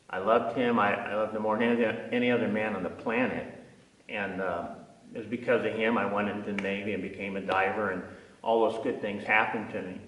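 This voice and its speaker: A man's voice: lowish voice, a bit bright. Older guy telling his story, earnest, stumbles and repeats, mic far off in a big echoey hall. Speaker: former navy diver giving a testimony. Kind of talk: personal testimony talk.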